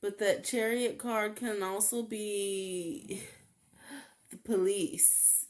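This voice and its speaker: A woman giving a casual tarot reading, talking in a halting way with many fillers. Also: medium pitch, fairly even intonation. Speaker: tarot reader.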